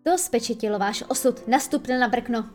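A woman's voice: fairly high pitch, a little mellow, faint music behind, natural voice. Woman doing a cruel, bellowing pirate captain. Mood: cold, mocking. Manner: slow, drawn-out, with sudden bellows. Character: menacing male pirate captain, cruel and theatrical.

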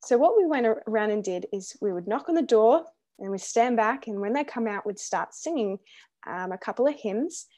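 Young female podcast host, slightly higher voice, earnest and encouraging, with loose casual delivery. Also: animated, a little fast, dark tone. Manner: earnest, encouraging, many ums and restarts. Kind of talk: casual faith podcast chat.

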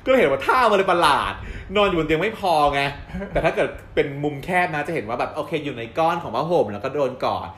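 A man co-hosting a casual chat, recapping episodes in a lively, storytelling way and laughing often. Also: on the high side, fast, a little hiss or hum. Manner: animated storyteller, acts out quoted dialogue and laughs often. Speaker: co-host reviewing a drama series. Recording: roomy with faint background ambience.

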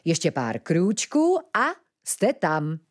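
A woman voicing a scheming male villain, gentlemanly and falsely polite, with a gloating, mock-courteous manner. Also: deep voice, wildly swooping pitch. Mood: oily politeness.

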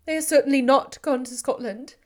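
A woman's voice: high voice, steady tone, very fast, fairly bright tone. A woman reading the part of a distraught young woman in an audiobook, agitated, pleading and close to tears. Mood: agitated, despairing.

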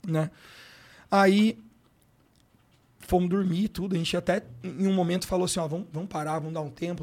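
A sports coach appears as a podcast guest and tells a personal story with a Brazilian Portuguese accent. His voice sits on the high side and is a little mellow. He talks casually and emotionally, full of slang and fillers like "cara" and "brother."

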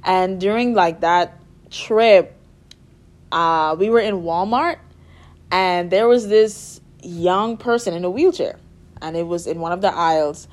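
A woman's voice: fairly low pitch, measured pace. A young woman from the Bahamas, a guest chatting casually in an interview, bubbly with frequent laughs and fillers. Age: young adult. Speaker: guest, music therapy student.

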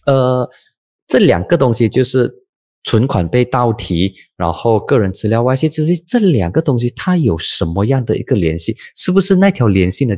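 A man's voice: mid-range voice, darkish tone, husky, no echo, studio quality. A man hosting a casual news talk show in Malaysian-accented Mandarin, chatting with a guest and using many filler particles.

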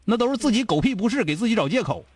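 A man with a Northeastern Mandarin accent hosting an advice show, scolding a caller bluntly with rapid rhetorical questions. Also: high voice, sing-song, breathy edge, dry recording. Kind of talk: call-in advice chat.

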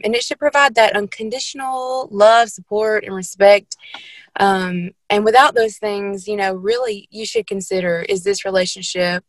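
A woman in her late twenties speaking in a soft-spoken, somewhat hesitant way as a panel guest. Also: mid-range voice, no room sound, poor audio. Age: late 20s. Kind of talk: casual discussion.

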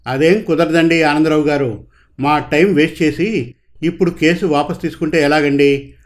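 An impatient male lawyer grumbles in a storybook reading, voiced by a man. The tone is complaining, with a slightly raised pitch. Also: steady tone, normal speed, lightly acted.

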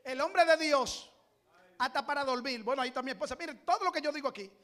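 A middle-aged man, preaching a sermon with passion, often shouting and repeating his phrases. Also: very high voice, fast. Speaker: pastor.

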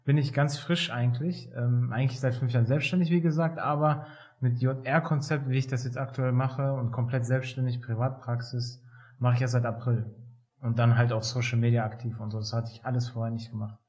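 A man in his thirties from Germany, a physiotherapist talking as a podcast guest in a relaxed way, with many fillers and hesitations. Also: mid-range voice, fairly quick. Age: 30s. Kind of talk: casual interview talk.

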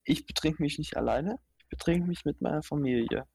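A man's voice: a little high, fairly quick, vocal fry, a little mellow, husky, dry recording. A young man co-hosting a casual live stream, making wry, sarcastic remarks. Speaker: stream co-host. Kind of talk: casual chat.

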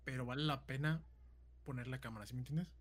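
A man's voice: medium pitch, fast talker. A man, a podcast guest in casual chat who repeats words for emphasis.

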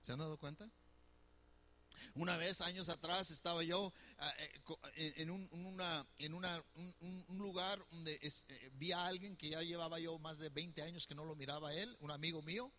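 A man's voice: a little high, fairly even intonation, normal speed, bright, forceful tone, slight background noise. A middle-aged man preaching a conversational sermon as pastor, teasing his listeners and putting questions to them. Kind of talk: sermon on marriage.

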